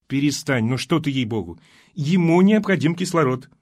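A man doing a tired grown daughter who scolds her mother impatiently. The voice keeps a lively lilt, read close and dry. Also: on the high side, normal speed, dry recording, voice pushed up. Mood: exasperated. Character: exasperated grown daughter, weary. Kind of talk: audiobook character voice.

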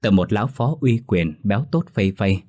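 A man reading a ghost story aloud as narrator in a steady, grave storytelling manner. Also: lowish voice, fairly quick.

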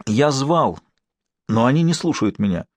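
A man's voice: mid-range voice, big pitch swings, unhurried, dry recording. A man voicing a young sorcerer, strained and pleading, in an audiobook. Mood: desperate. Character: young exhausted sorcerer, desperate.

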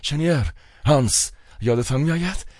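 A man's voice: a little high, lively intonation, a little mellow, no room sound, studio quality, pitched above the performer's own voice. A man voicing a desperate, broke man of about thirty who pleads urgently and stammers, in an audiobook.

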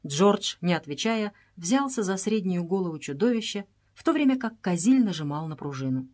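A woman narrating an adventure story as an audiobook in a steady storytelling voice. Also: fairly low pitch, normal speed.

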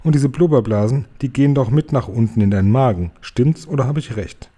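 A man's voice: medium pitch, a little fast, warm tone, husky, lightly acted. A man voicing a big friendly male giant who boasts and mangles his words, drawn out and exclaiming in a raised voice. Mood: lecturing.

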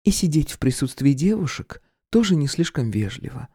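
Audiobook: male reader doing a prickly ex-girlfriend, high and snappish, warm dark tone. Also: very animated, normal speed, breathy edge, dry recording, clean studio sound. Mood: snippy. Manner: snippy, hissing. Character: bitter young woman, Max's ex, sharp-tongued.

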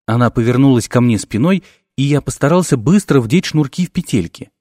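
A man reading fantasy fiction aloud as an audiobook narrator, in a lively, expressive storytelling manner. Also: medium pitch, brisk, no echo, clean studio sound. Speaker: audiobook reader.

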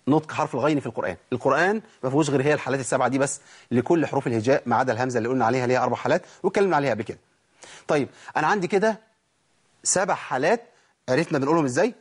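A man's voice: mid-range voice, slightly rough. An Egyptian man teaching Quran recitation, asking rhetorical questions and answering them himself, and drawing out letter sounds in repeated demonstrations. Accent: Egyptian Arabic. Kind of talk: recorded recitation lesson.

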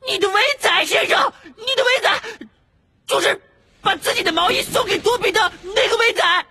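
A man voicing an excitable male house-elf servant in a shrill, squeaky, pleading voice. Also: moderate pace, raised voice, full character voice. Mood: urgent squeaky.

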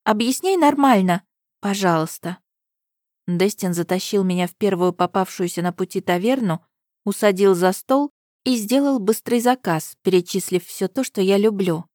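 A woman narrating a first-person audiobook in an even storytelling manner. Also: medium pitch, moderate pace, no echo, studio quality.

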